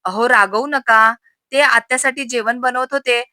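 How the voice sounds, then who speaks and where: Woman voicing a gentle, placating young wife. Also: a little high, steady tone, unhurried, dry recording, clean studio sound. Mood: soothing. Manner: soft, placating.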